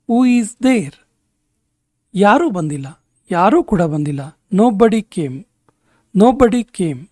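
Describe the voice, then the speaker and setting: A woman teaching English. She reads each sentence twice, slowly and deliberately. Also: mid-range voice, a little mellow, dry recording, clean studio sound. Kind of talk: language lesson, reading sentences aloud.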